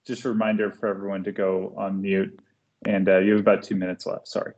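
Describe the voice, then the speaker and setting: Man, meeting moderator on a video call; very low, flat, apologetic, dull sound. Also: fast talker.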